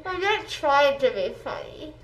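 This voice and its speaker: A woman's voice: high voice, big pitch swings, measured pace, recorded from a distance. A teenage girl chatting casually after wisdom teeth removal, tearful and giggly, slurring through a numb mouth full of gauze. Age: teens. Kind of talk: casual chat to camera. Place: inside a car, then a living room. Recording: muffled, noisy handheld camera audio.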